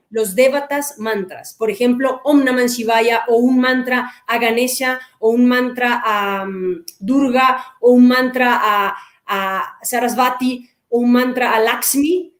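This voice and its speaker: A woman hosting an interview who summarizes and translates the guest's answers clearly. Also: fairly high pitch, unhurried. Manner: summarizing clearly, switching between English and Spanish. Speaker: host and interpreter. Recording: roomy echo.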